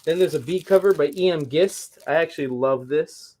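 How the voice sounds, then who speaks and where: A man's voice: on the high side, normal speed, dark tone. A man hosting a shop livestream, informally rambling to viewers as he shows products in a casual chat. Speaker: comic shop livestream host.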